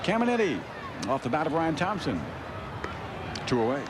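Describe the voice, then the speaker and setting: An American man calls baseball play-by-play live on radio from an open-air ballpark booth, mixing clipped calls with lowish-key, wry chat. His delivery is sing-song at a moderate pace. Heavy ballpark noise makes the outdoor recording very noisy.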